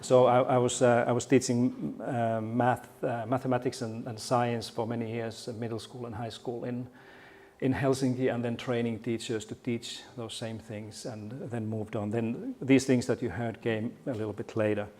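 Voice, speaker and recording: Giving a keynote in a conference hall, a middle-aged Finnish man speaks at normal speed with a level, slightly mellow mid-range voice. He has a Finnish accent, and his friendly, joking talk includes many restarts.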